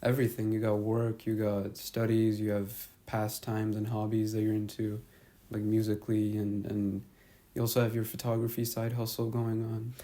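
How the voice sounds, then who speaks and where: A young man hosts a relaxed interview with a mellow, dark-toned voice set a little low. He is easygoing, nodding along and affirming the guest as he talks. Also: normal speed, few pauses. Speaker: host. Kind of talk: casual interview.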